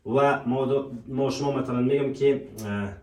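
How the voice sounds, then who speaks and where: A man teaching French vocabulary, repeating each word slowly and asking and answering his own questions. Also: mid-range voice, darkish tone. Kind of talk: language lesson. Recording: echoey room, voice from a distance.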